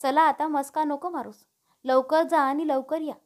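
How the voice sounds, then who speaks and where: A woman's voice: high-pitched, fairly even intonation, moderate pace, natural voice. A woman voicing a fussy, nagging middle-aged mother in a storybook reading. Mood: scolding. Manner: teasing, nagging.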